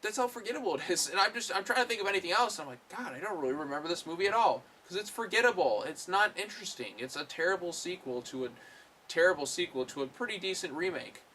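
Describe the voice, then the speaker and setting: A man's voice: sits high, animated, quick pace, pushed and bright, breathy edge. A man giving a casual, rambling film review, full of fillers and blunt swearing. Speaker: movie reviewer.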